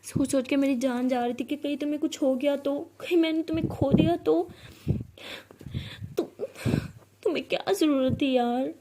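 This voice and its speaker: A woman's voice: sits high, steady tone, normal speed, pauses often, very noisy, close to an everyday voice. A woman voicing a fierce, hot-tempered young woman who scolds and threatens in angry outbursts. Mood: scolding.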